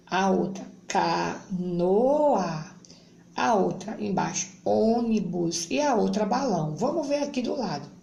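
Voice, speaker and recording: A woman's voice: medium pitch, creaky, darkish tone. A woman teacher reading a worksheet aloud to young children, sounding out words syllable by syllable. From Brazil. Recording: echoey room, faint background hum.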